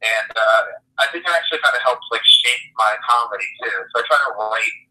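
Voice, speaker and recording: A man in his thirties from Baltimore, a comedian guest talking in an easygoing, earnest, halting way. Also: medium pitch, pushed and bright, distant mic, rough recording. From Baltimore, USA. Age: 30s. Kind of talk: casual interview chat.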